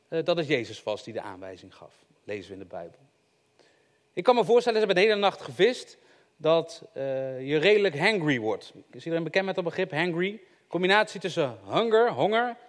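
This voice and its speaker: Young man, casual sermon, talks straight to the room, light humor, slightly high voice. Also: a bit bright. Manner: conversational, joking asides, addresses the audience directly. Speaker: preacher. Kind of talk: informal sermon.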